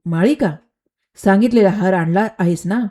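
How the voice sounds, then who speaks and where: A woman's voice: medium pitch, moderate pace, warm tone, close to an everyday voice. A woman doing a sly scheming minister. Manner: commanding, sly.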